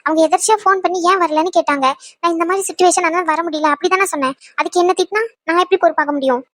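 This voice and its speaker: A sulking young wife in a cartoon, voiced by a woman, reproachful and indignant toward her husband. Her voice is high, and her words pour out very fast. The recording is dry and close. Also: dry recording. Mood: hurt. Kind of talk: cartoon voice acting.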